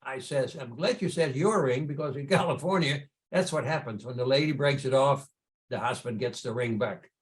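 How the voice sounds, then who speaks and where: Speaking at a moderate pace in a mid-range voice, the older Dutch-accented man from the Netherlands tells personal stories in a conversational way. He's a guest on a podcast, known as an entrepreneur and founder of a charity.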